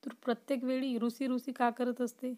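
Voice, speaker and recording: A woman's voice: fairly high pitch, level tone, moderate pace, mellow, lightly acted. A woman voicing an obsessive, possessive young man who swings between pleading and threatening in a storybook reading. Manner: pleading then threatening, intense.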